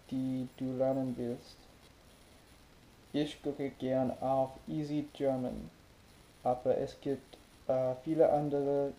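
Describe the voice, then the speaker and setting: A young American man, a native English speaker, talks to camera as a vlogger with an American accent. His voice is very dark and relaxed, and he speaks slowly and carefully in simple phrases. The small room adds echo. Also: mid-range voice, a little hiss or hum. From United States. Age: young adult. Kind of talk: language-tips vlog to camera. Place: small bedroom, indoors. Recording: roomy, echoing bedroom sound.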